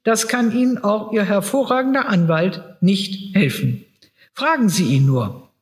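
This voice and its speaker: Guy reading a smug cop, sly and pushy, voice up high, echoey hall. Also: expressive, measured pace. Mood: pressuring. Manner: insinuating, coolly pressuring. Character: sly smug blond male police officer. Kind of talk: reading aloud. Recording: reverberant hall.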